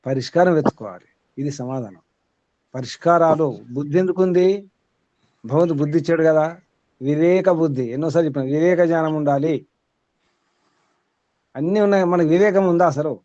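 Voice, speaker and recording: A man's voice: a little high, moderate pace, pauses often, mellow, dry recording. Questioning male spiritual teacher, dull sound. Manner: questioning, repetitive, rhetorical. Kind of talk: teaching discussion with a small group.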